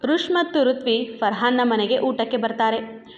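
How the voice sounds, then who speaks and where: A woman's voice: on the high side, expressive, normal speed. A woman reading aloud a romance story she wrote herself, giving the characters' lines in much her own voice. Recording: dull echoey room recording with faint hiss.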